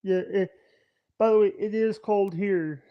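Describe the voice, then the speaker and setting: A man in his thirties with a high voice, talking in halting, stammering bursts full of restarts. He chats casually over a video call, and the stream audio sounds dull and lo-fi. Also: fairly even intonation, clean tone. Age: 30s. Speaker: livestream guest. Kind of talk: casual chat.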